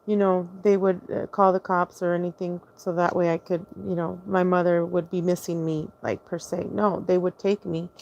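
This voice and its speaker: Over dull-sounding audio, a woman with a medium-pitched, somewhat dark voice rambles casually through her own story. She hesitates a lot, restarts sentences and spells words out letter by letter.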